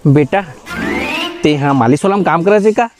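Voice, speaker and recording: High-voiced man with a Chhattisgarhi accent. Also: lively intonation, normal speed. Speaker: comedy sketch actor. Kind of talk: Chhattisgarhi comedy sketch acting. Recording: music playing behind.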